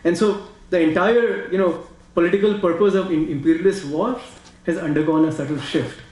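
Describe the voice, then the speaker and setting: A man with an Indian accent on a discussion panel, talking quickly and saying "you know" a lot. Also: sits high, steady tone, a little mellow, echoey room, low-quality recording. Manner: fast, repeats "you know". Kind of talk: discussion talk.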